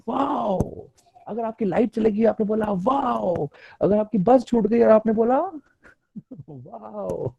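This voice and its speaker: Husky gravelly man giving a playful pep talk. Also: high-pitched, no room sound, dull audio. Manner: playful, animated, acts out quotes and laughs. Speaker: motivational speaker. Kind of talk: motivational talk to teachers.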